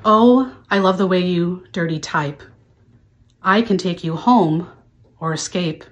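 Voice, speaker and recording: A woman's voice: lowish voice, takes it slowly. A woman in her thirties giving a hammy, mock-earnest dramatic reading of song lyrics, like a stage actor. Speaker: host. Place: small furnished room indoors. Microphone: handheld microphone close to mouth.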